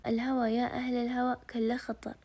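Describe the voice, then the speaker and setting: A woman's voice: on the high side, flat delivery, fast talker, warm tone, natural voice. A woman voicing a young man who teases and jokes with his friend. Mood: teasing. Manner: teasing, joking.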